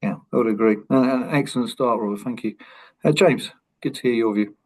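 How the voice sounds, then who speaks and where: A man moderates a panel over a video call at a middling pitch. He talks in a relaxed, conversational way, agreeing with his guests and passing the floor along. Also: fairly quick. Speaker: host and moderator.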